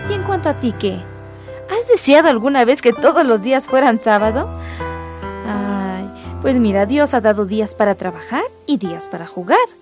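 A woman hosting a children's radio program, reading a story aloud and leading a Bible memory verse in a lively, teacherly way. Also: a little high, normal speed, over music.

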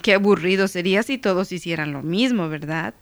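Woman doing a calm, patient father. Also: lowish voice, fairly quick, a little hiss or hum, lightly acted.

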